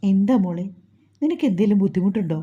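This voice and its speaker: A woman voicing a calm, patient middle-aged mother. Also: medium pitch, quick pace, muffled recording, natural voice. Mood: concerned.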